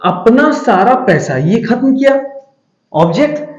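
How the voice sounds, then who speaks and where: A man teaches a grammar class, asking questions and answering them himself. His pitch swings widely as he stresses words and slows down to dictate the example sentences. The sound carries a noticeable room echo. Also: very animated, darkish tone, highs cut off.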